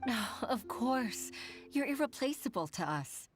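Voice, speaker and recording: A woman's voice: on the high side, sing-song, unhurried, faint music behind. An actress voicing a humble, self-doubting middle-aged secretary and mother who speaks hesitantly, often half-whispered. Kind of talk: video game voice acting.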